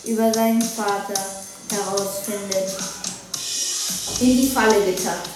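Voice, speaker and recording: A woman presenting a book and then reading a chapter aloud in a steady manner. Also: mid-range voice, unhurried. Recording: echoey room from a distance, music behind.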